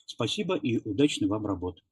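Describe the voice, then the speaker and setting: Male interpreter, procedural announcement, hesitant with fillers, husky and mellow, dry close sound. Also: lowish voice, big pitch swings, fast talker, no room sound.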